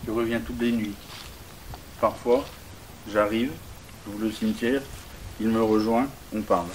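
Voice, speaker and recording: A man's voice: lowish voice, level tone, a little slow, darkish tone, slight background noise, close to an everyday voice, poor audio. A man playing an odd cemetery keeper.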